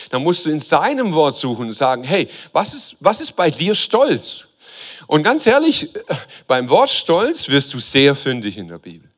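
Emphatic man preaching. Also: a little high. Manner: preaching with rhetorical questions, shifting between quiet and emphatic; addresses the congregation directly and informally. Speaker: pastor. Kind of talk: sermon.

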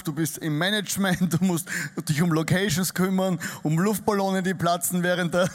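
A middle-aged Austrian man preaches to a church congregation, his voice pitched high for a man. He talks in a chatty, self-deprecating way, with an Austrian German accent. The delivery is a relaxed sermon. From Austria (Styria). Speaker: pastor. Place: church hall before a congregation.

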